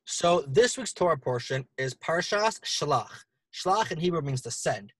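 A man co-hosting a podcast, retelling a scripture story in a casual, animated way and acting out the quoted lines. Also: unhurried, husky, no echo. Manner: animated, acts out quoted lines with big jumps in pitch. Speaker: podcast co-host explaining the weekly Torah portion.

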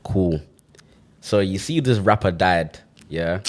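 A man's voice: low-pitched, takes it slowly. A young man with a London accent, hosting casual podcast banter in roadman slang. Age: young adult.

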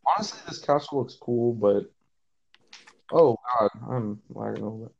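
A man's voice: mid-range voice, moderate pace, creaky, a little mellow. A man talking like a hyped, slangy gamer bro in casual gaming voice chat. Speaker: online game player. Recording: muffled noisy gaming mic, keyboard clicks.

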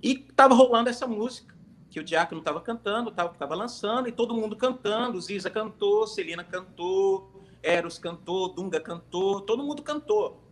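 A man's voice: sits high, lively intonation, normal speed. A man sharing a personal religious testimony on a phone livestream, telling it in a hesitant way with many restarts. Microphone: phone during a livestream.

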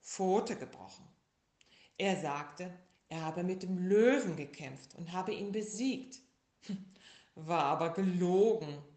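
A woman reading a children's story aloud in a slow, lively, expressive way. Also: fairly low pitch. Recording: echoey room.

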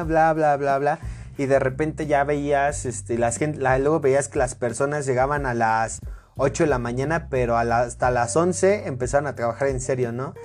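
A man's voice: medium pitch, darkish tone. Chatty Mexican man explaining a book. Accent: Mexican Spanish. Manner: chatty, many fillers and tag questions. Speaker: book summarizer. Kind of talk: casual book review talk.

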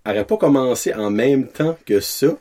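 A man's voice: medium pitch, normal speed. A man chatting casually on a podcast, telling stories in slangy French mixed with English words. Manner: animated storyteller, slangy, mixes in English words.

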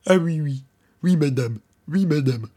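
A man's voice: a little high, expressive, a little slow, warm tone, slightly rough. A man putting on the voice of a fawning, submissive male underling, in a mocking, servile way.

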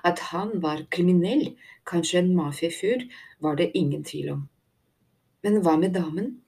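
A woman narrating a children's audiobook in a steady, even storytelling voice. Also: fairly low pitch, husky. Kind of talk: scripted narration.

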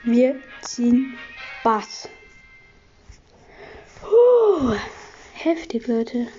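A slightly hoarse woman with a fairly high voice runs through upbeat gameplay commentary, rattling off counts and rewards in quick bursts. The audio is dull and lo-fi, with game music playing clearly behind her. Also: mellow. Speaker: gaming channel host.

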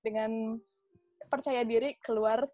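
Young woman guest, rambling casual talker, slightly high voice, dry close mic. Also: fairly even intonation, unhurried, mellow, no room sound, soft background music, low-quality recording. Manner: rambling with many fillers and restarts, laughs often. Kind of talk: casual podcast chat.

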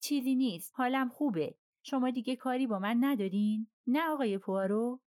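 A woman's voice: fairly high pitch, darkish tone, pitched above the performer's own voice, lightly acted. A woman voicing a tense young governess. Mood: distraught. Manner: strained, emotional.

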